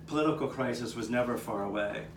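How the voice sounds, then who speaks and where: Speaking fast in a medium-pitched, everyday-sounding voice, a man plays a 19th-century Philadelphian earnestly narrating memories of his neighbors' struggles, occasionally stumbling over the script. He's the narrator of a live puppet show in an outdoor courtyard, doing scripted first-person storytelling. Captured on a distant mic, it sounds roomy with noticeable background noise.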